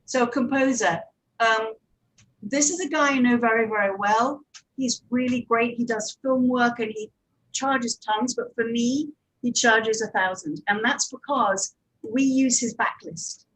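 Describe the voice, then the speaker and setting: This audio producer speaks at an informal panel in a slightly high, slightly bright voice, going a little slowly. The recording quality is poor, and her conversational talk wanders through anecdotes and side remarks.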